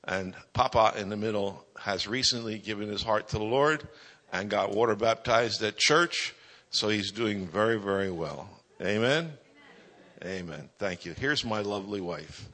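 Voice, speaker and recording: A man with a pushed, bright voice on the low side speaks at normal speed to a church congregation. In a jokey manner he gives a prayer update and introduces his wife during church announcements. He uses a microphone, and the hall adds reverb.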